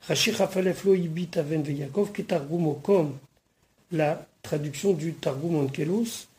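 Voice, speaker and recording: A rabbi leads a verse-by-verse study lesson in a mellow, warm voice. He reads short Hebrew phrases and then patiently unpacks each one, explaining the grammar along the way. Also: fairly high pitch, normal speed. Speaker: rabbi teaching the weekly Torah portion.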